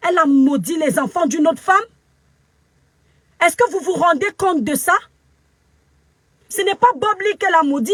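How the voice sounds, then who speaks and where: A woman's voice: very high-pitched, a bit bright, dry recording. A Cameroonian woman with a Cameroonian French accent, ranting angrily into her phone camera as a social media commentator, scolding and preachy with emphatic repetition. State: very upset. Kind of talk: angry live video rant.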